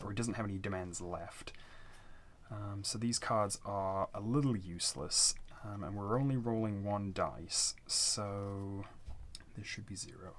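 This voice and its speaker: Man, low voice, casual game playthrough commentary, hesitant thinking aloud, noticeable background noise. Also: fairly bright tone. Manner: hesitant, thinking aloud, talking himself through choices. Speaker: solo board game player narrating a playthrough.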